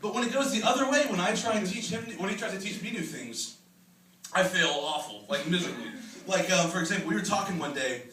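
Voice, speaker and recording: A young man with a fairly high voice tries amateur stand-up, audibly nervous with stage fright. He halts and stumbles through his monologue. The recording is distant and echoey, as if from across the room. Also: animated, quick pace, pushed and bright. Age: young adult. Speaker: first-time amateur stand-up comedian. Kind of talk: stand-up comedy monologue at an open mic. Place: open mic venue before an audience. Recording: echoey room, distant mic, clear noise.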